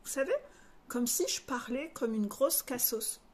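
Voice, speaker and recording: Expressive and on the high side, this woman's voice moves at an unhurried pace as she, a northern French life coach, talks frankly to her followers. Her personal monologue is confiding and peppered with blunt slang.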